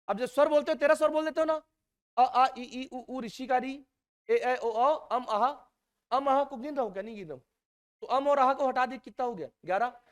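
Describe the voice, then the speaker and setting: Male teacher, high voice, classroom lecture that quizzes students. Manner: quizzes students, repeats key terms.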